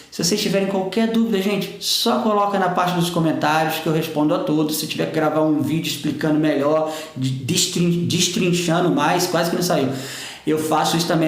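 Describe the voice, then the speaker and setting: A man's voice: a little high, brisk. A Brazilian man teaching English grammar in a chatty way, often checking in with his students as he writes on a board. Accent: Brazilian Portuguese. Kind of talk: explaining grammar at a whiteboard. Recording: echoey room.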